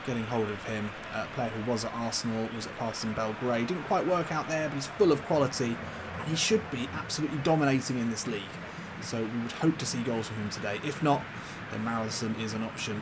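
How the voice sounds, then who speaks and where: Against a noisy background with music, a gaming YouTuber in a mid-range voice gives informal commentary on a football video game. He chats away and considers his team picks out loud.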